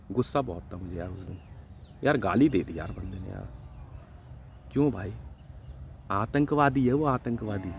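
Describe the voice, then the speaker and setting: A man from India ranting angrily and swearing heavily in a vlog, jumping between loud outbursts and low mutters. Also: slight background noise. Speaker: vlogger. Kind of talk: angry profane rant to camera.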